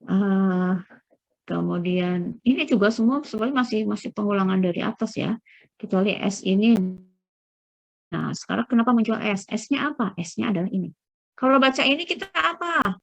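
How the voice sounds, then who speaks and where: A middle-aged woman lecturing through slides, explaining step by step with frequent checking pauses and searching fillers. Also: medium pitch, vocal fry.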